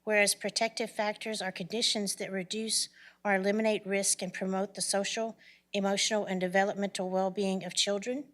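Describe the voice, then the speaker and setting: Even-toned woman reading a proclamation. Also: mid-range voice. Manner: measured, even, formal. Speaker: reader of a city proclamation.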